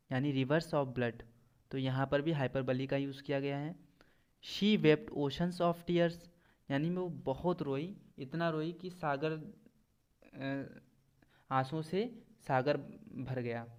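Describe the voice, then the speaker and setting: A man gives a classroom lesson, speaking slowly and with care, and spells out each English example as if for dictation. His voice sits a little high for a man. He poses questions to the class and answers them himself. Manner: slow, deliberate dictation of English examples, explaining in Hindi; asks and answers his own quiz questions. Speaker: English teacher. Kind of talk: classroom lesson explaining poetic devices.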